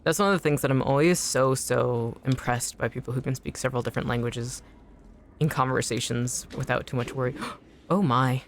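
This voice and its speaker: Chatting casually with viewers during a gaming stream, a streamer whose first language is Anishinaabemowin swears and yelps at enemies mid-sentence. The voice is mid-range and brisk, with a little hiss or hum.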